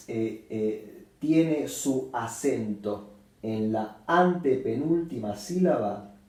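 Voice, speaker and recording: A man teaches a grammar lesson at a very slow, deliberate pace, repeating each example word. His voice is mellow and dark. He stands away from the mic in a strongly echoing room. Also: mid-range voice, distant mic. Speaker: Spanish teacher.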